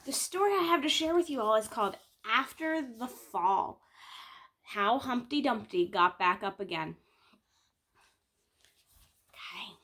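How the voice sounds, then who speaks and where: A female teacher reads a children's picture book aloud, telling the story expressively and deliberately with dramatic pauses. Her voice is a little high.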